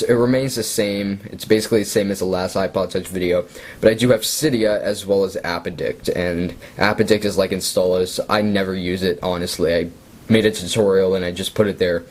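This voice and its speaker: A young man with a lowish, somewhat breathy voice talks casually through a device tour. He sounds relaxed and chatty, dropping self-deprecating asides. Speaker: tech video creator. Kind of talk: casual screen-recorded walkthrough.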